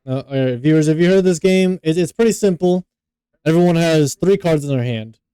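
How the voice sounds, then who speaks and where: A man's voice: on the high side, brisk, mellow, clean tone, no room sound. A young man co-hosting a podcast, talking loosely and profanely with lots of filler words. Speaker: podcast co-host. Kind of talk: casual podcast chat.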